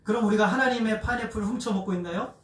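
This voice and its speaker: A preacher voicing earnest questioning villagers. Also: male voice, high-pitched, very fast, close to an everyday voice. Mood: earnest, curious. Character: puzzled village men questioning a missionary. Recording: echoey church, distant mic.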